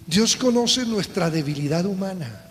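A man's voice: sits high, expressive, normal speed, big-room sound, soft background music. A man pastor preaching a sermon at a church service, fervent and repetitive, building his phrases to emphatic peaks.

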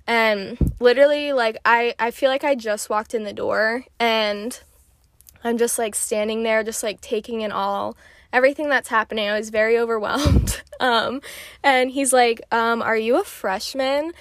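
A young woman in her twenties chats through her stories in a casual, rambling way, leaning on "like" at every turn. Her voice sits a little high. The recording is dry and close, with no room sound. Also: steady tone, moderate pace, a bit bright, dry recording. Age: 20s. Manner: chatty, filler-heavy with frequent "like". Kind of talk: casual storytelling.

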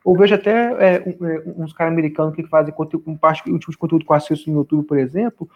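A man's voice: on the high side, fairly even intonation, fast. A man co-hosting a podcast in casual political chat, rambling with many restarts and repeated words. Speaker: podcast co-host. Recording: dull lo-fi sound.

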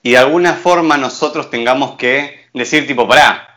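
A man's voice: mid-range voice, brisk. A young man with a Rioplatense accent chatting casually and mockingly about a film. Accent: Rioplatense Spanish. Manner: animated, mocking, slangy. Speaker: co-host reviewing a film. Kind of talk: casual film review chat.

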